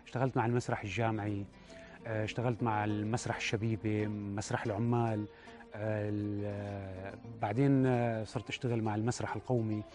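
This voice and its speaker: A man with a Syrian Arabic accent, a playwright and theatre director, talking reflectively in an interview with many hesitant pauses. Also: fairly low pitch, flat delivery, darkish tone, faint music behind.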